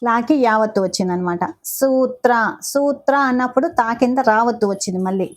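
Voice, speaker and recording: A woman teaching how to pronounce a devotional chant, patiently breaking the names into syllables and repeating them with slow, careful recitation. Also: fairly high pitch. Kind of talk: slow pronunciation lesson.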